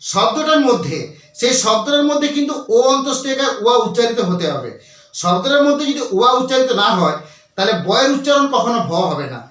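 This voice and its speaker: A man's voice: very high voice, sing-song, fairly quick, fairly bright tone. A male teacher giving a grammar lesson to students, explaining step by step, repeating key points and asking and answering his own questions. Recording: very echoey room, voice far from the mic.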